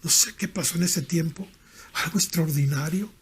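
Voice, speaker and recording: A middle-aged man with a Mexican accent, a pastor preaching a sermon and telling personal stories, acting out the dialogue and dropping into soft asides. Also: on the high side, moderate pace, husky. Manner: storytelling, acts out dialogue, drops to soft asides.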